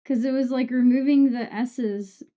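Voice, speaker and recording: High-voiced woman streamer with harsh sibilant S's. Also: fairly even intonation, moderate pace, warm tone. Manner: sweary, self-deprecating. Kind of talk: casual livestream chat with viewers. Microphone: streaming microphone with EQ and compressor. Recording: muffled, dull microphone sound.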